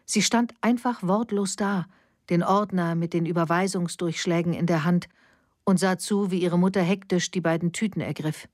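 A woman narrating a novel as an audiobook in a measured, even storytelling manner. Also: on the low side, no room sound, studio quality.

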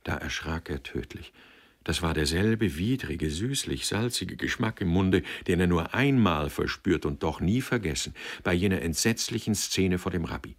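A male audiobook narrator reads a literary novel in a measured, expressive way. His voice is very deep with a gravelly fry and a husky edge, and the pitch moves widely as he tells the story.

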